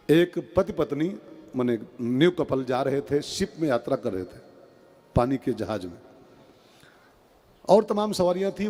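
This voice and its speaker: A man's voice: on the high side, long reverb tail. A man giving a devotional discourse, telling stories with acted-out dialogue and asking the audience questions. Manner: animated storyteller, acts out dialogue, asks the audience questions. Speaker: preacher.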